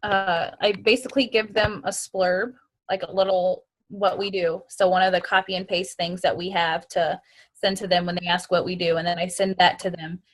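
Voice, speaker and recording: A woman in a mid-range voice explains her approach on a team video call. She talks earnestly, slows down now and then, and leans on fillers as she goes. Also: fairly low pitch, steady tone, low-quality recording. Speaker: team member sharing her method.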